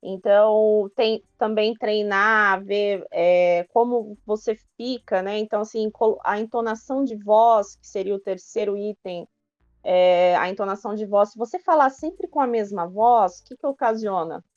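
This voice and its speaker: A woman's voice: medium pitch, normal speed, no room sound, lo-fi sound. A woman from Brazil on a podcast, giving practical advice in a chatty, explanatory way. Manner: explanatory, many filler tags. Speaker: guest speaker on public speaking.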